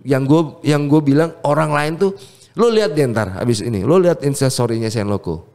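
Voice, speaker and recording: A man, a music producer telling a personal faith story in a casual chat, fervent and animated, with English words slipped into his slang. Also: mid-range voice, a little fast.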